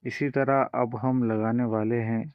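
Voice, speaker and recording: A man's voice: medium pitch, level tone, a little slow, smooth, dry recording, narrow, tinny audio. A man teaching a language lesson, explaining each step patiently and drawing out the example sounds.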